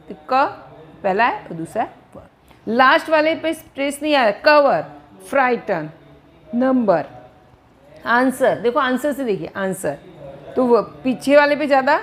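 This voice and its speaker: A woman teaches an English grammar lesson. Her voice sits a little high. She is patient, says every example word several times, and asks her students questions that she answers herself. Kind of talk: Hindi-language grammar lesson.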